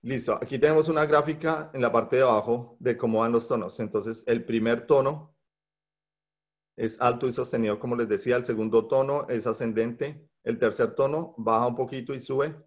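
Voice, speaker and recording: A man's voice: mid-range voice, steady tone, normal speed. A man teaching an online workshop, speaking patiently with many hesitations and fillers. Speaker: language teacher. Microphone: computer mic on a video call. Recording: dull lo-fi online call audio.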